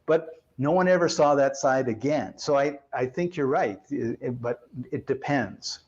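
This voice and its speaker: Animated storytelling man, lo-fi sound. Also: mid-range voice, a little slow, slightly rough. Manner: animated storyteller, acts out quoted voices. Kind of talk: storytelling in a conversational interview.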